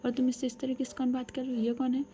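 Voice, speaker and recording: A protective young woman lays down the law in a firm, half-whispered voice, as a woman storyteller puts her on. Her tone stays mellow and low in brightness. She is read as a storybook character. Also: completely flat delivery, fast talker, lightly acted.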